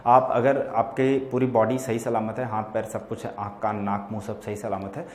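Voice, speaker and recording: In an echoey room, a man with a lowish, fairly flat voice teaches English vocabulary for exam prep at a moderate pace. He explains words in Hindi mixed with English, calls his students "bachche," and keeps checking in with "theek hai?"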